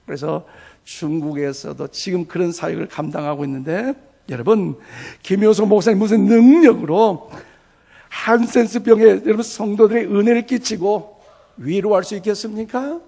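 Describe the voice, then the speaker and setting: Male pastor, high voice with gravel, sermon delivery, dynamic storytelling from hushed to loud. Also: normal speed. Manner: storytelling preacher, swings from soft asides to loud emphatic bursts.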